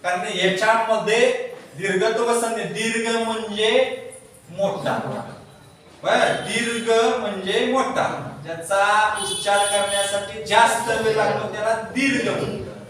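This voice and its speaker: A male teacher drills his class, asking a question and then answering it back slowly. His voice sits high. It is heard from across a bare, echoing classroom, well away from the mic. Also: fairly even intonation, a bit bright. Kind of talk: classroom grammar lesson. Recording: echoey classroom from far off.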